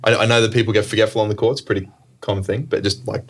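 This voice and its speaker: A man co-hosting a podcast, animated in his telling and quick to laugh. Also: lowish voice. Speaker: podcast co-host. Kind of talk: casual chat.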